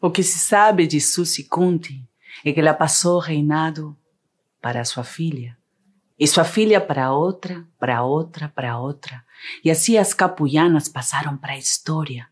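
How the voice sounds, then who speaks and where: A middle-aged woman spins a tale in deliberate, rhythmic phrases. Her voice is low and husky, unhurried. Faint music plays behind her. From Peru. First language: Spanish. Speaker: storyteller. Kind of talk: dramatic oral storytelling.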